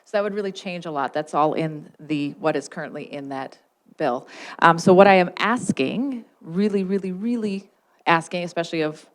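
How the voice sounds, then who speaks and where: Woman board member, low voice, halting delivery full of fillers, public meeting.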